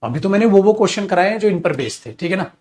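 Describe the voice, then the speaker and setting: Lively Hindi-speaking male English teacher. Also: high voice, racing. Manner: calls students "beta", lively, acts out angry scolding examples. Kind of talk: live online grammar class.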